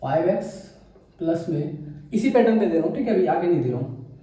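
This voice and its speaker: A man's voice: on the high side, lively intonation, brisk, warm tone, far from the mic. Chatty male maths teacher in an echoey room. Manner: chatty, checks in with "theek hai" often. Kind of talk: explaining a maths exam solution.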